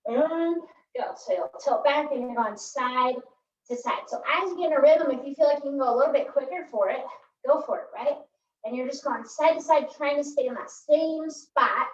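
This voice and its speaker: High, upbeat woman coaching a workout. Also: normal speed, reverberant, distant mic, highs cut off, slight background noise. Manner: upbeat, chatty, keeps asking "right?"; counts reps aloud while exercising. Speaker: pilates instructor. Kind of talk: workout instruction.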